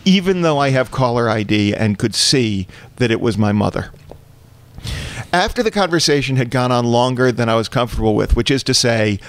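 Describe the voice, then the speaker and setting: A man's voice: medium pitch, no room sound. A man, a guest comedian, reading his own comic story aloud with a wry, precise, wordy delivery.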